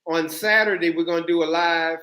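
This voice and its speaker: Slightly high-pitched and sharp in tone, a man in his thirties talks a bit fast with fairly even intonation. He's hosting a relaxed livestream, bantering loosely with guests.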